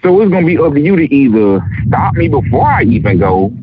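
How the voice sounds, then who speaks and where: A man's voice: on the high side, very animated, brisk. A man on a podcast, talking casually and arguing a point step by step. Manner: argumentative, working through an argument. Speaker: podcast co-host. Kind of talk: casual chat, debating. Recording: lo-fi audio.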